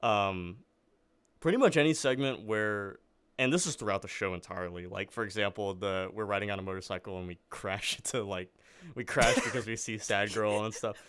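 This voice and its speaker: A man's voice: fairly low pitch, a little fast, fairly bright tone, smooth, dry recording. A young man hosting a casual podcast chat, laughing often and filling his sentences with "like". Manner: laughs often, lots of "like" fillers. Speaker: podcast host.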